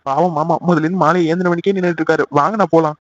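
An excitable young cartoon brother, voiced by a man, eager and pushy. His voice rides high and tumbles out very fast. The sound is dull and lo-fi but dry. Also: no room sound, close to an everyday voice.

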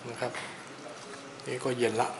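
A man vlogging casually as he tastes a local dish at a small eatery, talking in a relaxed, musing way with polite particles and frequent pauses. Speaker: travel vlogger. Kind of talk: casual food-tasting vlog. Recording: clear background noise.

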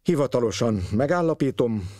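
A man's voice: medium pitch, animated, mellow, no echo, studio quality, voice pushed up, lightly acted. A man voicing a stern, pompous police investigator in a read-aloud story, speaking in an official, strict tone. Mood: triumphant.

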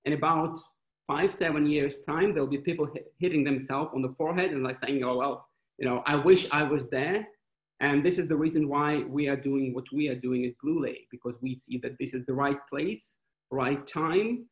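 Talking with lots of energy, fillers and restarts, a thirtysomething venture fund panelist joins a webinar over his laptop webcam. His pitch is fairly high and his pace moderate, and the small room with a wall clock sounds echoey.

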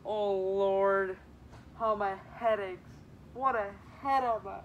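A man's voice: high-pitched, animated, measured pace, highs cut off, slight background noise. A teenage boy playing a weary, teasing old woman nurse in a school Shakespeare reading, drawing out complaints about her aches. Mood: complaining. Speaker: student actor.

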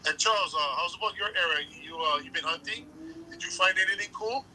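A man's voice: sits high, quick pace, bright, forceful tone, slight background noise, low-quality recording. A man hosting a casual livestream chat, telling stories and laughing often. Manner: storytelling, laughs often, says bro, Hawaiian pidgin touches. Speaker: livestream host.

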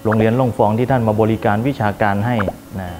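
A man's voice: fairly low pitch, steady tone, quick pace, over music. A man, a school administrator, explaining the school's subjects in a plain-spoken interview manner.

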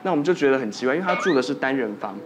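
A man's voice: mid-range voice, animated, racing. A man, a doctor guest telling a ghost story on a TV talk show and quoting people in dialogue. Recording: studio with music playing under it.

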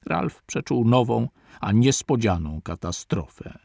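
Sex: man. Role: audiobook narrator. Style: measured reading of a classic adventure novel. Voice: gravelly, mid-pitched. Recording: dry, close. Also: very animated, warm tone, dry recording.

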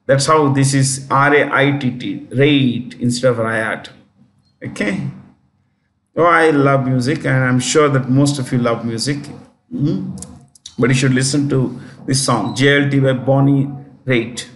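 A man's voice: medium pitch, steady tone, normal speed, a little hiss or hum. A man with an Indian English accent teaching a current affairs lesson in a chatty way, often correcting himself and spelling words out.

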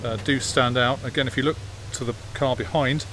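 A jet washer and outdoor noise ring out clearly on the phone recording as an Englishman, a classic car vlogger, walks a car park talking about the vehicles. He is easygoing yet hesitant, with many ums and uhs, and his voice has an ordinary middle pitch.

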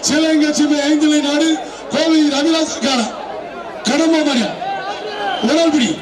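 A man announcing a bull-taming event over a loudspeaker, shouting the bulls' names and the prizes and challenging the tamers. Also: very high-pitched, steady tone, measured pace. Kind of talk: live event commentary. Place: outdoor bull-taming arena. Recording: echoey, distant loudspeaker sound with loud crowd. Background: large cheering crowd.

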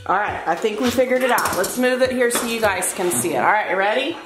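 A woman's voice: mid-range voice, fast talker. A woman playing with her young son on a kids' toy channel, bubbly and encouraging, laughing often. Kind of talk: playful toy play with her child. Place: living room at home. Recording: roomy sound with background music.

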